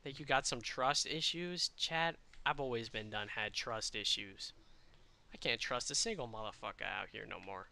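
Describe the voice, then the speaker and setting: A man's voice: medium pitch, moderate pace, gravelly, pushed and bright. A man chatting casually to his stream audience while playing a game, rambling and swearing freely. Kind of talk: live gaming stream chat.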